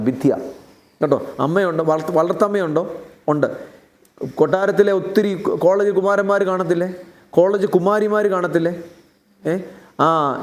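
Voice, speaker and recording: A man's voice: high voice, a little mellow. A man with a Keralite Malayalam accent preaching a sermon, putting questions to the congregation and retelling Bible stories in a conversational way. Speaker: pastor.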